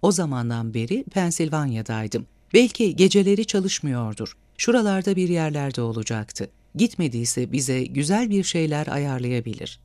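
A man's voice: on the high side, big pitch swings, moderate pace, few pauses, a little mellow, no echo. A man voicing a lanky male drifter who talks in a plain, offhand way.

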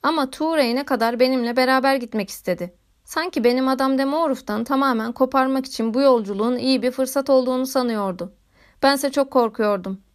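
A woman reading a classic novel aloud in a measured, literary narration. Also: high voice. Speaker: audiobook narrator. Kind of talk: scripted narration.

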